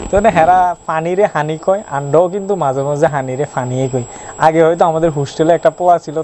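A man's voice: on the high side, mellow, a little hiss or hum, low-quality recording. A young man from Chittagong with a Chittagong Bengali accent, chatting casually in a vlog and joking about his regional words while quizzing the viewer. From Chittagong region of Bangladesh. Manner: playful, jokey, asks the viewer questions. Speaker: YouTuber.

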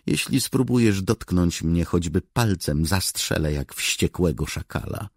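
A man's voice: deep voice, animated, a little slow, breathy edge, dry recording, clean studio sound, pitched above the performer's own voice, heavily acted. A man voicing a stubborn young woman officer who speaks curtly and coldly in an audiobook. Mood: threatening. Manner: curt, cold and determined. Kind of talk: audiobook character voice.

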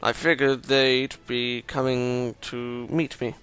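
A man's voice: mid-range voice, level tone, takes it slowly, fairly bright tone, clear, resonant tone, soft background music. A man reading a visual novel aloud with commentary and sarcastic, self-mocking asides. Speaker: gameplay commentator.

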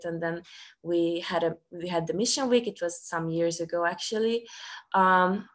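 Earnest Serbian woman on a video call. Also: on the low side. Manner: earnest, with frequent fillers and restarts. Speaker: student ministry staff worker. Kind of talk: personal testimony on a video call. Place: small room at home. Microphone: laptop webcam on a video call.

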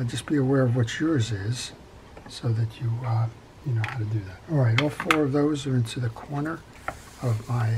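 A middle-aged man with an ordinary mid-range voice talks through a repair tutorial in a calm, practical way, pausing on fillers while his hands are busy. Clear clicks and clatter of small tools and parts run under his voice at the workbench. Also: mid-range voice, background noise. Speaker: fishing reel repair instructor. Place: workshop bench.

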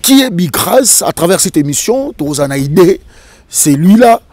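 High-voiced man hosting outdoors, dry sound. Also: very animated, moderate pace, a little mellow, dry recording. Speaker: interview host. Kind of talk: energetic show presenting in French and Lingala. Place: outdoors by a river in a park. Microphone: handheld microphone.

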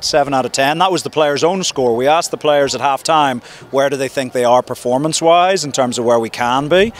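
A man in his thirties speaks as a football head coach in a post-match press interview. His delivery is measured and reflective, often leaning on "you know" and "look". He is outdoors, close to a cluster of handheld reporter microphones. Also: mid-range voice. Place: outdoors at a stadium in front of a sponsor backdrop. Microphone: several handheld reporter mics held close.

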